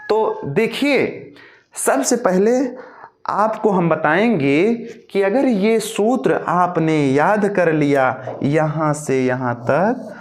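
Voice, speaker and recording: Slow-paced male teacher chanting lessons. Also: high voice. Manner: chants memory verses slowly, each line twice; addresses students directly, repeats "dekhiye". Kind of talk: classroom lesson.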